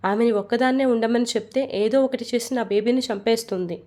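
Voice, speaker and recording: A woman's voice: fairly high pitch, brisk, warm tone, lightly acted. A woman voicing a stubborn, hot-tempered young husband who firmly insists on his demands in a storybook reading. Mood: insistent. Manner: insistent, firm.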